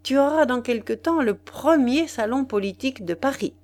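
A woman's voice: high-pitched, expressive, normal speed, a little mellow, pitched above the performer's own voice. A woman reading the part of a playful, affectionate young woman who speaks in a teasing manner, in a storybook reading.

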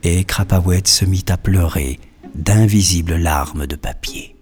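A man narrating a children's story in an expressive, storytelling manner. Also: low-pitched, a little slow, faint music behind.

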